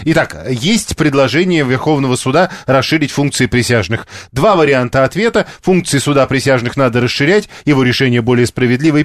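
Brisk male radio host, dry studio. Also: fairly high pitch, no echo. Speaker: radio talk show host. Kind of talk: radio talk show hosting. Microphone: studio microphone.

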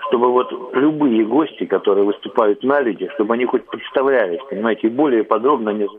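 Male caller, phone held away from his mouth, polite, hesitant, husky, tinny phone line. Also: mid-range voice, quick pace. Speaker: radio call-in listener. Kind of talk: call to a live radio show.

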